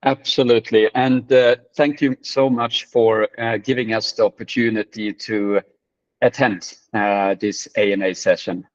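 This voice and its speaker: A man from Sweden introducing himself as a guest in an online AMA, pausing often with fillers. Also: fairly low pitch, flat delivery, dry recording, muffled recording. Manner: hesitant, many fillers. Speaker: guest, managing director.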